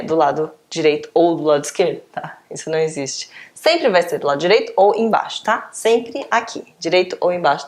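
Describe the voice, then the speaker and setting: A woman teaching a beginners' language lesson, explaining step by step and often checking in with her students. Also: lowish voice. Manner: patient, explaining step by step with frequent check-ins. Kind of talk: online lesson.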